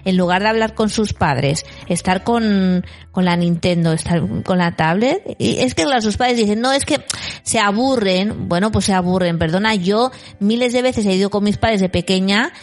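A woman's voice: mid-range voice, normal speed, hardly any pauses. A woman in her thirties co-hosting a podcast, talking casually and emphatically as a mother. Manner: emphatic, repeats words. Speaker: podcast co-host. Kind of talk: casual chat.

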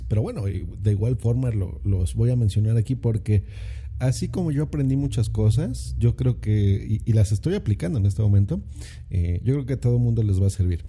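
Gravelly, dark-voiced male podcaster. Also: lowish voice, animated, fairly quick. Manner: chatty, explanatory, frequent filler "eh" and "¿no?". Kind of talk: casual solo podcast talk. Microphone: condenser microphone.

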